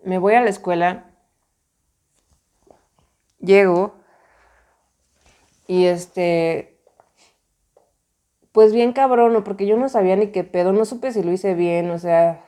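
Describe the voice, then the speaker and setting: A woman's voice: mid-range voice, takes it slowly, pauses often, mellow. A young woman with a Mexican accent telling a personal story in a casual, slangy, emphatic way, often repeating herself. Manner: slangy, emphatic, many repetitions.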